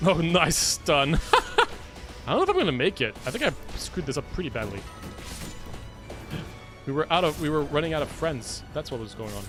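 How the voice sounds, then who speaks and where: A man giving animated live gameplay commentary as a streamer, who keeps addressing his viewers as friends. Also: on the high side, normal speed, pauses often, over music. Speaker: gaming streamer.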